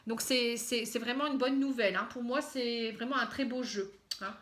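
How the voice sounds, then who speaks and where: A woman giving a casual tarot reading to camera, halting, with many fillers and a frequent "hein". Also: a little high, fairly even intonation, a bit bright. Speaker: tarot card reader.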